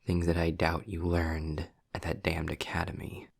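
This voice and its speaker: In an intimate audio roleplay, a man plays a sarcastic, worldly male demon who is trapped and grudgingly explaining things, his mood wry and reluctant. His voice is low, gravelly and breathy, with dry, deliberate pauses, and it often slips toward a whisper. The delivery is completely flat, yet the voice itself is exaggerated.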